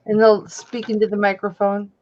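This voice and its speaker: A woman's voice: mid-range voice, level tone, moderate pace, a little mellow, muffled recording, a little hiss or hum. A woman chatting and teasing on a casual live stream, laughing often. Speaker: guest on a reseller live stream. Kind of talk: casual joking chat.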